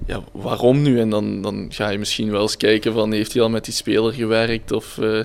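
A man from Belgian Limburg with a Flemish accent, answering as a footballer in a casual interview, hesitant and measured. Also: lowish voice, level tone, vocal fry, darkish tone.

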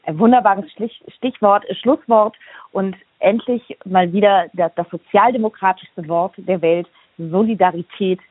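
A woman host talks over a low-quality phone line that sounds thin and phone-like. Her voice is slightly husky, and she asks and wraps up in a chatty way, with fillers. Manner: chatty, rapid asking with fillers. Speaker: podcast host. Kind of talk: remote podcast interview.

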